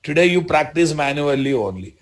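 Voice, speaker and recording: A man with a Telugu Indian accent teaches a live software tutorial as an instructor, repeating short phrases and often checking that learners follow. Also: fairly high pitch, lively intonation, a little fast. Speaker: programming instructor.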